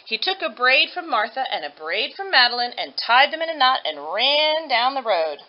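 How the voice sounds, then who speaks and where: A woman reading a children's story aloud with expressive narration. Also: high voice, normal speed, background noise. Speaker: storybook reader. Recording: dull lo-fi audio.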